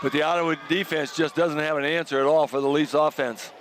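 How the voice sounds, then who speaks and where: A man giving casual color commentary on a high school football game. He is chatty and enthusiastic and chuckles often. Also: little pitch movement, fast, noisy background.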